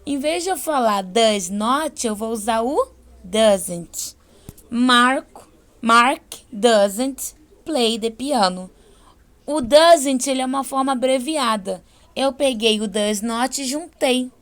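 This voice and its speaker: A young adult woman with a Brazilian accent teaching an English class, explaining patiently and slowing down for example sentences. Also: on the high side, animated. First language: Portuguese. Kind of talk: online class lesson.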